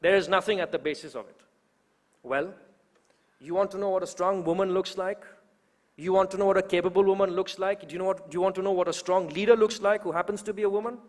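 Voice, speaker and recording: Young guy in his 20s making a fired-up speech, voice a bit high, long echo in a big hall. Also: steady tone, fast. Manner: rousing, emphatic, with rhetorical repetition. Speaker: youth organizer introducing the main speaker. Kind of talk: public speech at a political event. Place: large event hall.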